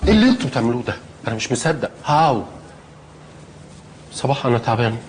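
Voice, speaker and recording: A weary, exasperated father from a film comedy, played by a man with an Egyptian accent. He speaks fast, his pitch lurching up and down. Film music is clearly heard behind him. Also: sing-song, lightly acted. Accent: Egyptian Arabic.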